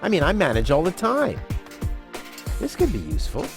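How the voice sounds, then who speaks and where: A man's voice: fairly high pitch, huge pitch swings, normal speed, music in the background. An actor playing a cocky, boastful young male junkyard schemer in a video game, sarcastic and self-mocking.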